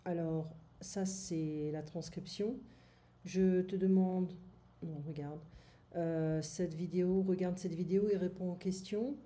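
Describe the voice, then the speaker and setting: A woman tutor walks her student through a recorded lesson recap. She explains each point in French, then says it again in English. Her voice is dark and mellow, a little lower than most, and she talks at a very slow, patient pace. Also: fairly even intonation.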